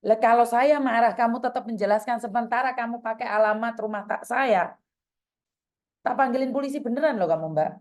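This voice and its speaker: Brief: woman host, stern and lecturing, slightly higher voice. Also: fairly quick, darkish tone. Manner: firm, scolding, calls caller "dear". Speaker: advice host. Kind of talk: advice phone call.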